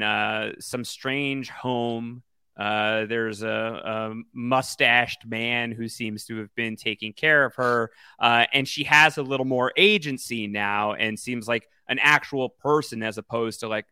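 Man, podcast co-host, bright crisp voice, dry close sound, casual chat with lots of ums. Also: mid-range voice, dry recording. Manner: chatty, many fillers, animated when quoting. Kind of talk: casual podcast chat about a video game.

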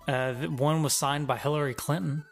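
A man's voice: fairly high pitch, steady tone, normal speed, creaky, soft background music. Laid-back joking male podcast host. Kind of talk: casual podcast chat.

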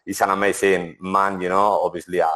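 A man in his forties, once a footballer, answers interview questions casually in a low, fairly bright voice with little pitch movement, talking a little fast. His non-native English is full of restarts and repeated "to be honest."

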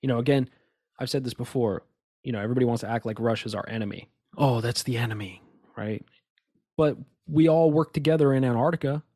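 A man's voice: medium pitch, fast, dark tone, no room sound, studio quality. A man co-hosting a casual podcast, talking in a rambling, emphatic way with lots of restarts and asides. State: has the hiccups. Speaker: podcast co-host. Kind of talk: casual conspiracy chat.

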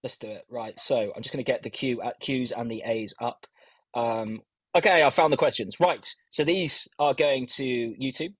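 A man hosting a casual fantasy football podcast with bantering, self-mocking chat, heard in low quality stream audio from a stand-in mic. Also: moderate pace, breathy edge, no echo. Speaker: host of a fantasy football show. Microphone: stand-in mic, not his usual one.

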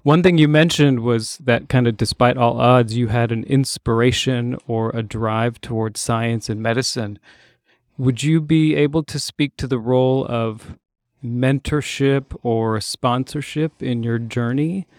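A man's voice: medium pitch, fairly even intonation, a little slow, dry recording. A man with a mid-range voice hosts a podcast and poses careful, polite questions. He thanks his guest formally. The sound is dry and close-miked. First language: not born in the United States. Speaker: podcast host. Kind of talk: interview hosting.

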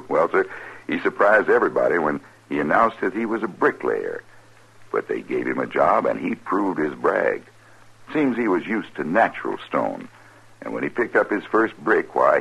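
Deep, gravelly American tall-tale storyteller man. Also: fairly bright tone. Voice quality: gravelly, husky. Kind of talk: folksy tall-tale narration. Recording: dull old radio recording.

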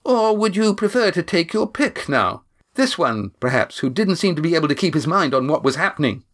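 A woman's voice: lowish voice, big pitch swings, fairly quick, pitched above the performer's own voice. A man reading a story, voicing a haughty woman who speaks with cutting scorn. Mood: scornful. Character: haughty sneering woman, mocking.

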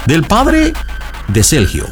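A man's voice: a little high, huge pitch swings, takes it slowly, full character voice. A man playing a dramatic psychic who reads cards and shells, asking sing-song leading questions. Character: theatrical male psychic reading cards and shells. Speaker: fortune teller on a call-in. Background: background music.

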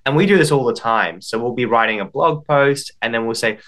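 A man speaking as an interview guest, explaining in a measured, step-by-step way with some restarts. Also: mid-range voice, a bit bright. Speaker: guest, IT expert.

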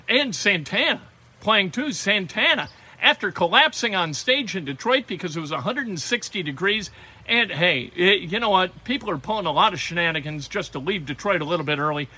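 A man's voice: high-pitched, bright, forceful tone. A man hosting a sports talk show, delivering a blunt, emphatic and wisecracking monologue about local teams.

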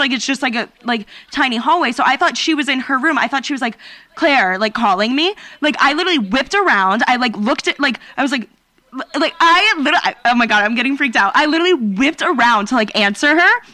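Chatty young woman with a bright voice. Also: high voice, lively intonation, brisk, no echo. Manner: chatty storytelling with many fillers. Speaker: podcast co-host. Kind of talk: casual chat. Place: basement at home.

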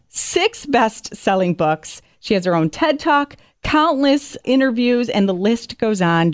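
Lively upbeat host woman. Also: fairly high pitch, dry recording, studio quality. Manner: enthusiastic, upbeat introductions. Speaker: podcast host. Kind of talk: casual interview chat.

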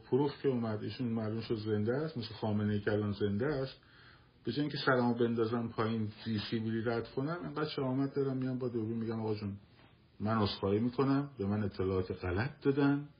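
A man's voice: fairly low pitch, lo-fi sound. A man hosting a live talk stream, answering listeners in a casual, argumentative way and repeating points for emphasis. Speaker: livestream host.

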